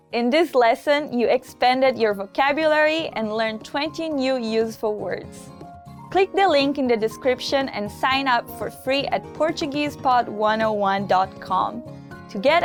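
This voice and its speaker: A woman reading vocabulary words slowly and deliberately, repeating each one for learners. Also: sits high, dry recording. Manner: slow, deliberate word repetition. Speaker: vocabulary reader. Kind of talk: slow vocabulary drill.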